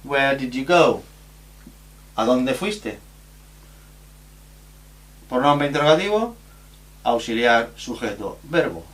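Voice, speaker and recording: Slow-spoken teacher explaining grammar. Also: male voice, mid-range voice, lively intonation, fairly bright tone. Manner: slow, explanatory, spells out letters and examples. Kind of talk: recorded grammar lesson.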